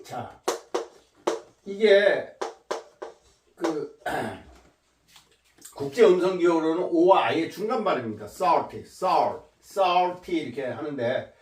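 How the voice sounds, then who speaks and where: Man, teacher, lecture, lively pitch, slow drilling repetition, echoey room. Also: recorded from a distance, a little hiss or hum. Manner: repeats words slowly to drill pronunciation. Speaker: English teacher.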